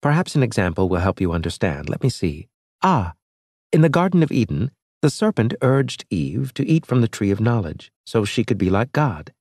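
A man voicing a precise, learned male ship officer who explains things briskly in an audiobook. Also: fairly low pitch, big pitch swings, a little mellow, dry recording, studio quality. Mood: explaining. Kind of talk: audiobook character voice.

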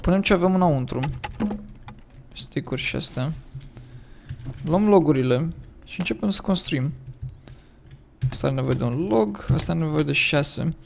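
Romanian man with a gravelly morning voice. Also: fairly high pitch, expressive, long pauses, a little hiss or hum. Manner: chatty, thinks aloud while playing. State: morning voice, slightly hoarse. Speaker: gaming commentator. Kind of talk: casual gameplay commentary.

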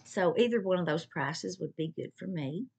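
At home with her pets close by, a woman vlogger chats casually to the camera about her shopping haul, gushing and repeating herself. Her lowish, slightly mellow voice is husky with vocal fry, moving at a moderate pace with lively intonation.

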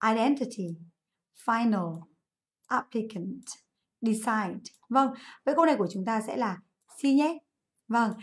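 A woman with a fairly high voice runs a live online English class. She talks in a chatty way and keeps asking students to comment. She corrects her own slips as she goes. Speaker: English teacher. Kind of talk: live online class, going over an exam.

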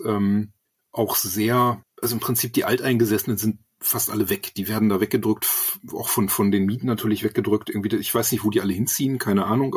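A man in his forties from Essen, Germany, with a light Ruhr German accent, answers interview questions as a podcast guest who works as a writer and project manager. He sounds hesitant and casual, with many ums and restarts. His voice is on the low side with a breathy edge.

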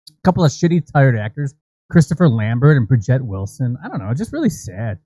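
This American podcast co-host, in his thirties, gives foul-mouthed, opinionated comic commentary on films from a small indoor studio, close to his microphone. His mid-range voice is dark in tone, sing-song and a little fast.

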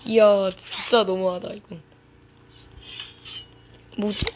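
A woman's voice: a little high, background noise. A woman giving casual, playful commentary to herself while playing a video game. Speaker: gaming YouTuber.

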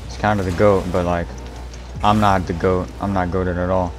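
A man streaming a car-soccer game, chatting casually to his viewers in an excitable, slangy way and giggling often. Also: sits low, normal speed, music in the background. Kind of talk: casual gameplay commentary.

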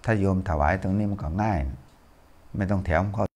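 A man's voice: lowish voice, fairly quick, a little mellow. An older man, a Buddhist monk, giving a casual, folksy sermon full of anecdotes and chuckles. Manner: chatty, folksy, chuckles while telling stories.

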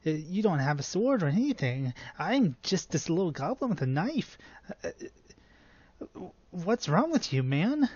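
A woman voicing a meek little cartoon goblin, bemused and exasperated, talking in a hesitant, halting way. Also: on the low side, sing-song, a little mellow, husky, dry recording, dull audio, heavily acted.

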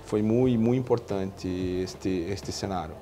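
A man in his thirties, a veterinarian, answering interview questions in Spanish with a Brazilian Portuguese accent, halting with many fillers and restarts, recorded on a lapel mic at an indoor stand. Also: low-pitched, over music. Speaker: veterinarian in equine nutrition.

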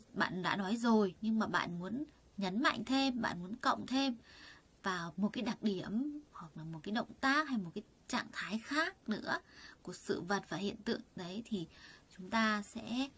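A woman teaching a Korean lesson online, chatty and full of fillers, asking her students rhetorical questions and saying words slowly for them to repeat. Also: mid-range voice, breathy edge. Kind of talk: online lesson explaining vocabulary and grammar.

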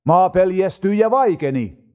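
A man reads psalms aloud with slow, solemn phrasing. His voice sits high for a man and moves over a wide, lively melodic range. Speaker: scripture reader.

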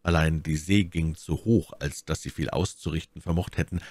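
A man reading a classic novel aloud as a narrator, with expressive, dramatic narration. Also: rumbling low, normal speed, slightly rough, no echo. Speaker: audiobook narrator.

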